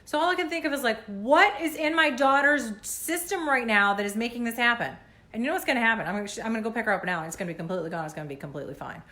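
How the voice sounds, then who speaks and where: A woman's voice: fairly high pitch, animated, racing, pushed and bright. A woman in her thirties vlogging as a mom, talking in an anxious, rambling way with many fillers and a runny nose. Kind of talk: casual vlog rant.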